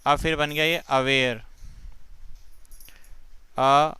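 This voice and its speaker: Casting note: man, Hindi accent, phonics teacher, unhurried and patient, bright crisp tone, dry close sound. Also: on the high side, level tone, dry recording. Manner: slow, patient, sounds out letters one by one. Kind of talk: spelling lesson explained step by step.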